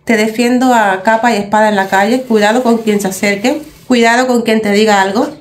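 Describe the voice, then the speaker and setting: A woman's voice: fairly high pitch, fairly even intonation, brisk. A woman in her thirties with a Cuban Spanish accent, talking casually to her vlog viewers in an emphatic way, repeating phrases for stress. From Cuba. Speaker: vlogger mother.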